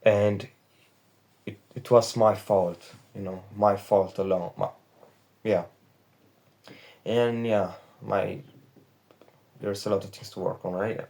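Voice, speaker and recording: A man's voice: on the low side, steady tone, slow pace, gravelly, pauses often, darkish tone. An 18-year-old man from Romania with a Romanian accent, talking in a candid, rambling and profane confessional vlog from his bedroom into a phone camera. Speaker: trading vlogger. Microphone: phone back camera.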